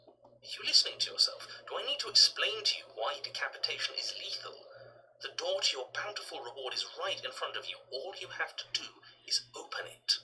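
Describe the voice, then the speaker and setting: Eye-rolling, exasperated game narrator, sharp and bright. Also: male voice, fairly high pitch, expressive, fairly quick, in a whisper, poor audio. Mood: exasperated, sarcastic. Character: exasperated, impatient male narrator, insisting and dismissive. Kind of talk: dramatic video game voice acting.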